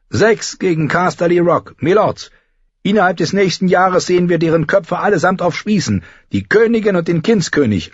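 A man voicing an eager, scheming knight who argues in an excited, insistent way. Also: a little high, breathy edge, dry recording, highs cut off, pitched above the performer's own voice.

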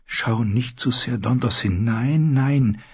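A wary young noble girl from an audiobook, voiced by a man a little above his own pitch. She talks quietly and uneasily, with a husky voice. The audio is slightly dull. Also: takes it slowly. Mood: anxious.

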